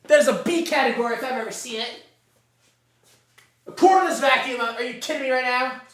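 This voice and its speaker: Echoing around the room, a very high-pitched, slightly bright male voice rattles along briskly. He is a livestream host hyping up a live tier list in mock sportscaster style, hitting the same catchphrases again and again.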